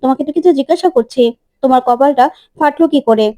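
A woman playing a grown son torn up by family troubles, pleading and emotional. The voice is high and mellow, with a dry sound. It is told as part of a spoken serial recap. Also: quick pace, no echo, close to an everyday voice. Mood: distraught.

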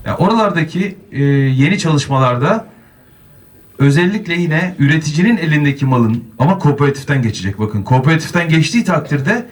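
A man's voice: on the high side, recorded from a distance. A man, a mayor, giving an earnest public speech at a podium microphone.

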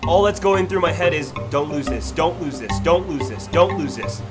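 Over loud background music, a young man narrates a fishing-trip vlog about catching his first salmon. His voice is a little high and his speed normal, and he tells it with excited, earnest enthusiasm.

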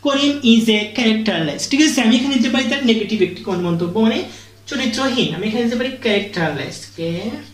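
A woman's voice: fairly high pitch, animated. A woman teaching an English grammar lesson, who keeps asking questions and answering them herself and checks in after each point. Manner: slow, drawn-out English example sentences. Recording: echoey room.

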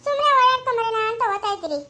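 A woman's voice: extremely high pitch, animated, rapid-fire, bright, forceful tone, full character voice. A young woman playing a tearful village girl who pleads and calls out again and again, in an amateur family drama. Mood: pleading. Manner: pleading, calling out repeatedly.

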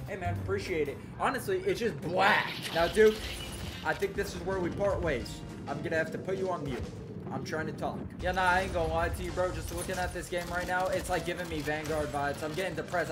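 A young man giving casual gameplay commentary, swearing freely in slangy trash talk. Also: on the high side. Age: young adult. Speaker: gaming YouTuber. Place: small room indoors.

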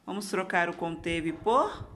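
A woman's voice: on the low side, expressive, measured pace, a bit bright. A Brazilian woman teaching young children, dictating word by word as she writes. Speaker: primary school teacher.

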